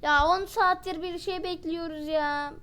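A woman doing live gameplay commentary as a channel host, quick-tempered and exasperated, in slangy talk aimed straight at her viewers and teammates. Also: very high voice, steady tone, bright, forceful tone, a little hiss or hum.

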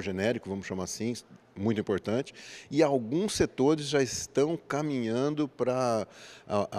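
Into a handheld mic in a big indoor hall, a guest business partner in his forties answers interview questions in a measured way, explaining his points with everyday examples. His voice is medium in pitch and slightly mellow.

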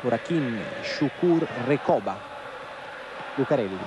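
A man doing live play-by-play football commentary, calling player names in short, halting phrases. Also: medium pitch, lively intonation, crowd noise. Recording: noisy outdoor stadium broadcast.

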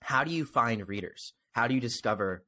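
Expressive and a little fast, this young adult man has a mid-range voice with a sharp edge. He's hosting a conversational podcast from a small home room, leaning into a desktop microphone and speaking earnestly and emphatically through the intro and interview.

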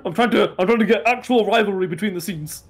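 A man doing live fighting-game commentary, excitable and joking, with rambling explanations. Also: high-pitched, fast talker, faint music behind. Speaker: esports commentator.

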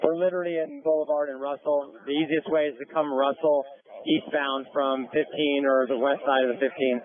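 A man's voice: on the high side, steady tone, fairly quick, narrow, tinny audio. A man working as an emergency responder, talking fairly informally over two-way radio. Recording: thin radio, faint background noise.

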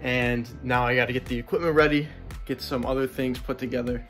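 A man's voice: mid-range voice, steady tone, a little fast, a bit bright, soft background music. A man in his twenties giving a casual behind-the-scenes vlog into a phone. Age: 20s. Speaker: vlogger, amateur filmmaker. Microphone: phone at arm's length.

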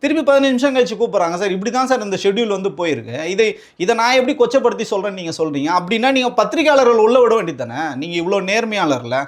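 A man's voice: high-pitched, sing-song, racing. A man, a political spokesman with a Tamil Nadu accent, speaking in a heated interview and firing off combative rhetorical questions.

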